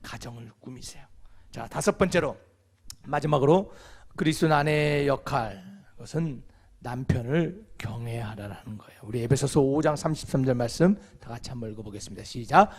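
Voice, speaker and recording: A man, the senior pastor, preaching at a marriage seminar in a church. He quizzes the congregation with call-and-response questions and swings from loud emphasis to hushed asides. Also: mid-range voice, lively intonation, a little fast. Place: church sanctuary.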